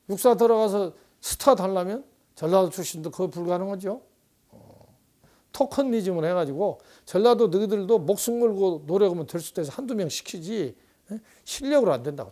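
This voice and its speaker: Older guy professor talking politics, mellow low-key voice, rambles and keeps going "eh?". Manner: rambling, rhetorical, frequent prompting asides. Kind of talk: conversational political lecture.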